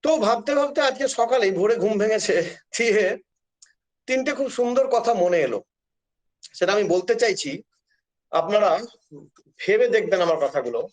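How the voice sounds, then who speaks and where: Earnest high-voiced male professor lecturing. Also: lively intonation, moderate pace, pauses often. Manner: earnest, emphatic, repeats key points. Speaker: professor of Bengali. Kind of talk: public lecture.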